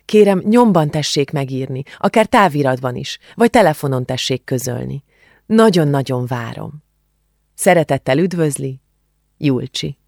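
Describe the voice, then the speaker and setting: A woman's voice: sits low, a little mellow, dry recording. Earnest teenage girl, heartfelt and bookish, in a close, dry audiobook read, voiced by a woman narrator. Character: earnest teenage refugee girl, book-loving. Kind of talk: audiobook character reading.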